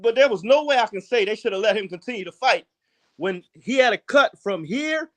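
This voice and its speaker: A man's voice: sits high, animated, brisk. A man co-hosting a casual boxing podcast, arguing his points firmly and emphatically. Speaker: podcast co-host.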